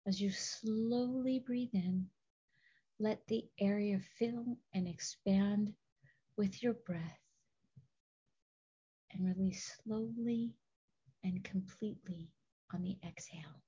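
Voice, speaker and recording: A woman host leading a guided meditation in a soft, soothing, breathy manner with long pauses. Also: mid-range voice. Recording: dull, lo-fi audio.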